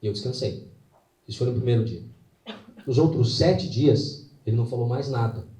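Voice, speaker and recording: Man, live faith talk, earnest storytelling, dramatic pauses, roomy hall, distant mic. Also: mid-range voice, expressive, warm tone. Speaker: motivational faith speaker. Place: hall with an audience.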